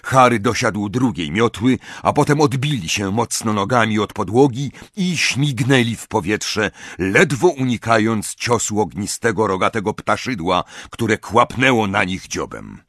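A man's voice: on the low side, animated, measured pace, hardly any pauses, a bit bright, dry recording, clean studio sound. A man narrating an audiobook with dramatic, varied storytelling. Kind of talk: expressive audiobook reading.

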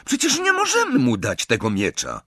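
A man voicing a blunt, excitable teenage boy in an audiobook reading, with eager, blurting speech. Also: mid-range voice, moderate pace, husky, no room sound, studio quality, voice pushed up, exaggerated voice.

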